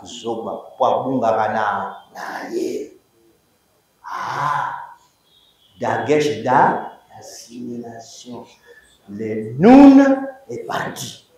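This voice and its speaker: Animated teacher in echoey hall. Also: male voice, mid-range voice. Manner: emphatic, repeats words and quizzes students. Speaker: Hebrew teacher. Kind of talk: university lecture. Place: large echoey classroom. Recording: echoey room, distant mic.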